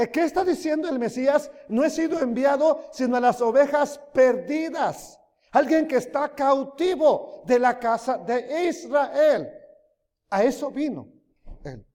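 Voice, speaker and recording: A man preaching a sermon, emphatic, swinging between loud rises and quiet drops, often asking his listeners questions. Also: high voice. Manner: emphatic, rising and dropping loudly, asks the audience questions. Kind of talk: sermon teaching. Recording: long hall reverb.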